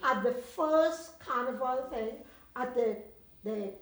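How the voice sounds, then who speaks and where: A woman's voice: on the high side, takes it slowly. An older woman with a Trinidadian accent, reminiscing in a panel discussion. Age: older, over 70. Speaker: panel guest, veteran actress. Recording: echoey room.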